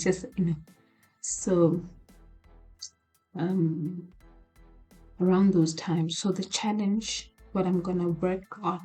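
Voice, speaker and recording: A woman talks in a hushed, husky whisper, her voice low and mellow. She rambles candidly through a late-night diary vlog, restarting her sentences often. She is in a small apartment at night, with faint music behind her. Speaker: video diarist.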